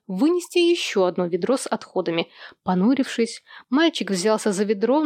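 A woman narrating an audiobook in an even, measured way. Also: a little high, no room sound, studio quality. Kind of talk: scripted narration.

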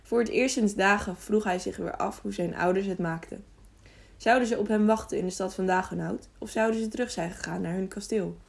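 A woman narrating an audiobook in a calm, measured storybook reading. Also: medium pitch, vocal fry.

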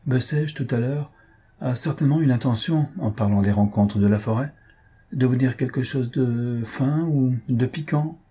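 A man reading aloud, voicing an earnest, devoted young gentleman who questions tenderly. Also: medium pitch, normal speed, slightly rough, voice pushed up, natural voice.

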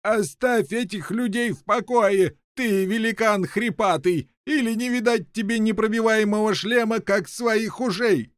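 A weak, imprisoned inventor who shouts back in a thin, raised voice, far above a normal man's pitch, as a male audiobook reader voices him. He sounds shrill and defiant. The recording is dry and close. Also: measured pace, few pauses, dry recording. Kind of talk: audiobook character voice.

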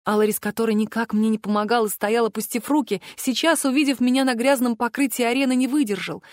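Female audiobook narrator, expressive first-person read, dry close sound. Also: a little high, fast, no room sound. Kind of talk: scripted narration.

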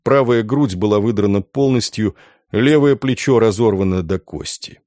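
A man reading a dark story as audiobook narration, low and hushed with lively swings into the characters. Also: moderate pace, no room sound, studio quality.

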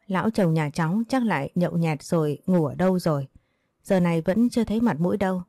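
A woman's voice: on the low side, fast talker, warm tone, no room sound. A woman voicing a poor, distraught middle-aged village wife who laments and pleads.

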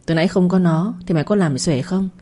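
A woman's voice: on the low side, fast talker, warm tone, husky. A woman voicing a stern middle-aged mother in a spoken story.

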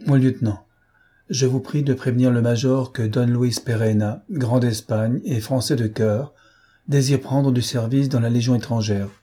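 A man voicing an imperious gentleman-thief. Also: mid-range voice, fairly even intonation, normal speed, husky, natural voice. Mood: haughty. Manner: curt, commanding. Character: elegant, imperious gentleman-thief posing as a recruit.

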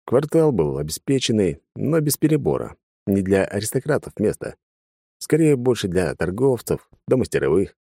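A male audiobook narrator reading a first-person fantasy story in a dry, matter-of-fact way. His voice is low and dark. The sound is close and dead, as in a treated recording booth. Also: sing-song, normal speed, vocal fry, husky, no echo.

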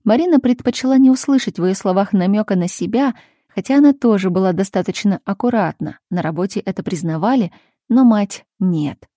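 A woman narrates a story in a measured, even way, with a dark, mellow tone. The recording is dry and close, with no room sound at all. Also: medium pitch, no echo. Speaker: audiobook narrator. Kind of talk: scripted narration.

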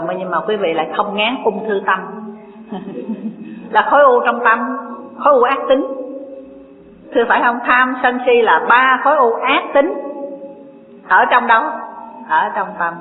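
A Buddhist dharma teacher gives an unhurried sermon, asking rhetorical questions and reading scripture aloud. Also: mid-range voice. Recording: echoey hall, tinny lo-fi line, faint music.

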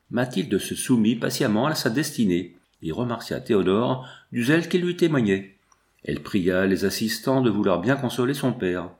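A man's voice: medium pitch, darkish tone. Man reading a classic novel. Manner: measured, formal. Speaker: audiobook reader. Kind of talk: scripted narration of a classic novel.

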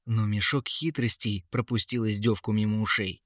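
A man narrating a fairy tale audiobook with expressive storytelling. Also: on the low side, normal speed, dry recording, studio quality.

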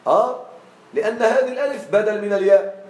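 Guy teaching grammar to a class, bit high voice, keeps asking if they're following, roomy echo. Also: darkish tone, slight background noise. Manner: checks on students with frequent questions; drawn-out slow spelling of example forms.

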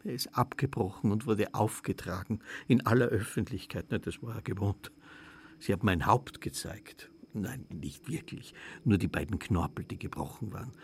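A vain, mournful ghost of an old shopkeeper, speaking in a low, gravelly voice. He broods over what he lost and keeps sinking into a hushed whisper. It is a literary radio play monologue. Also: normal speed, slight background noise. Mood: bitter. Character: dead older male shop owner, vain and mournful.

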